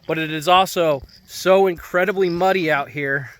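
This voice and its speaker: A middle-aged homesteader narrates a casual walk-around vlog outdoors on a muddy farm and beneath an animal shelter, chatting folksily to both viewers and animals. His voice is fairly high and a bit bright, at normal speed.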